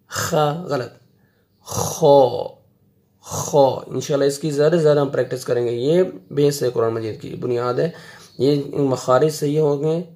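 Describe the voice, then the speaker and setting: Gravelly man teaching Quran letters. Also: medium pitch. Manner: patient drilling, repeats letters slowly and loudly. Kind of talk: Quran recitation lesson.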